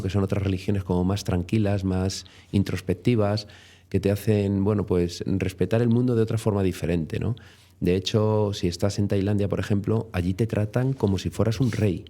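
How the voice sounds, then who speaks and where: Low, mellow Spanish-accented man. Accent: Spain Spanish. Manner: chatty, rambling with many tag questions. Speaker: interview guest. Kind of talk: casual storytelling interview.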